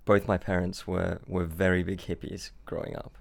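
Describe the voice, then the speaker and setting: Low and gravelly, this young man's voice holds a level tone at a moderate pace, with no room sound. He's a startup founder, born in Switzerland and raised in Australia, chatting casually as a podcast guest in London and often repeating words and restarting sentences.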